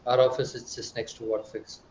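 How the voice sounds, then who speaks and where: A man's voice: mid-range voice, flat delivery, brisk, a little mellow. A man, casually chatting as a co-host on an online call. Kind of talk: casual chat. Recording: dull, faintly noisy call audio.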